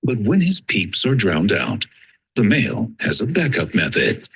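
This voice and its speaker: A man narrating a nature documentary clip in a husky, gravelly voice, played back over a video call. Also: fairly low pitch, wildly swooping pitch, unhurried, fairly bright tone, full character voice.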